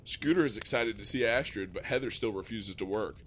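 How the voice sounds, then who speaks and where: A man's voice: lowish voice, fairly quick, a little hiss or hum. A man co-hosting a podcast, casually recapping a film plot in a laid-back way. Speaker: podcast co-host. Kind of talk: casual film review chat.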